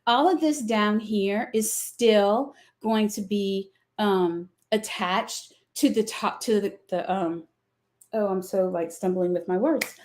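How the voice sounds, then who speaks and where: A woman's voice: medium pitch, takes it slowly, a little mellow. A middle-aged woman with a Southern accent hosts a live craft product demonstration, chatting in a folksy, rambling way. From American South. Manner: chatty, folksy, explains with many fillers. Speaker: craft company host.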